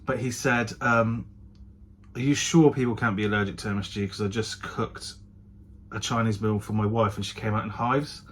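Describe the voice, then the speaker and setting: A man vlogs casually to camera, chatty and prone to hedging his claims and correcting himself. His voice is fairly low with a steady tone and moderate pace, and there's a little hiss or hum.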